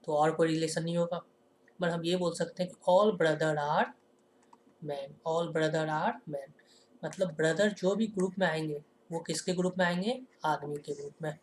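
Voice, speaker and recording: A man teaching a lesson in a classroom style. He keeps asking rhetorical questions and answering them himself, and he slows down to stress each example sentence. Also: on the high side, steady tone, slight background noise.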